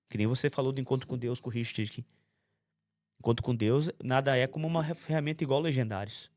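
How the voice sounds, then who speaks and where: A man's voice: medium pitch, dry recording. Intense man telling his story. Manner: intense, animated storytelling with quoted voices. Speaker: guest giving testimony. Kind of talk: conversational testimony.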